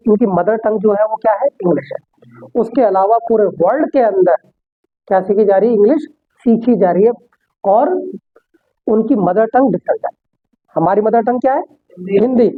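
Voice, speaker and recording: A man teaching an English class, explaining step by step and answering his own rhetorical questions. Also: very high voice. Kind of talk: classroom lecture. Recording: tinny phone-like sound.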